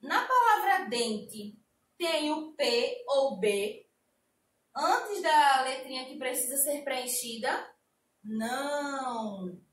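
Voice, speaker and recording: A woman teacher with a Brazilian accent, slowly explaining a lesson to young children and drawing out her example words. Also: high voice, expressive. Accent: Brazilian Portuguese. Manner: slow, sing-song explaining with drawn-out example words. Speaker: primary school teacher. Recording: echoey room, a bit distant mic.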